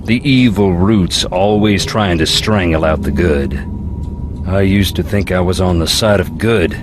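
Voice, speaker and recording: A young Southern US man with a low, folksy drawl speaks as a brooding character from an adventure game, over clearly audible background noise. He reflects philosophically with a dry, wry wit and talks a little slowly.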